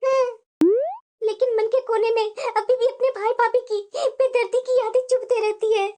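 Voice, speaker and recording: A woman voicing a shy, grateful young bride in a cartoon story, soft-spoken and humble. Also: very high-pitched, fairly even intonation, moderate pace. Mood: wistful.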